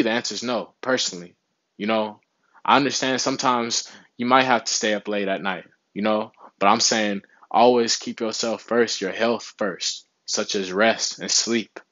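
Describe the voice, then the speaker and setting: There's a window behind this young vlogger as he relaxes in a small room, giving motivational health tips to camera and repeating "you know what I'm saying." His voice leans low and a bit bright; the audio has no room sound and its highs cut off.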